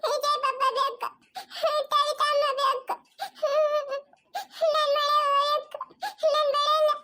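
A woman's voice: little pitch movement, unhurried, pushed and bright, a little hiss or hum, exaggerated voice. A woman voicing a frightened little lost girl who cries and pleads in an amateur family skit. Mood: crying, pleading. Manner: crying, pleading, shrill.

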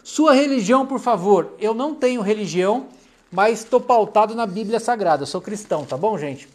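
Man, middle-aged, brazilian portuguese accent, fairly high voice, hypnotherapist on a live stream, casual and chatty, affectionate, soft asides off camera. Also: lively intonation, normal speed. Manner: chatty and affectionate, often dropping softly aside to someone off camera. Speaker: clinical hypnotherapist. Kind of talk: casual live-stream chat reading viewer comments.

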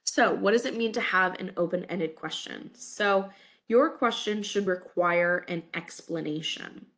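Recorded on a webcam over her slides, this college English lecture comes from a woman in her thirties with a cold. She speaks unhurriedly in a lowish, slightly bright voice, warm in manner and peppered with "um."

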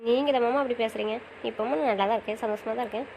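A woman's voice: a little high, steady tone, very fast, vocal fry, darkish tone, a little hiss or hum, low-quality recording. A young woman in affectionate, teasing banter with her husband, pleading and playful by turns. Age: young adult. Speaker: wife in a couple's chat. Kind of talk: casual couple banter.

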